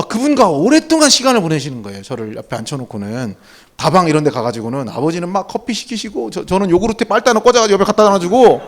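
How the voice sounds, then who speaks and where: A middle-aged man gives a sermon in a relaxed, talkative manner. His voice sits high for a man, and he tells stories with lively animation. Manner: conversational, animated storytelling. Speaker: pastor.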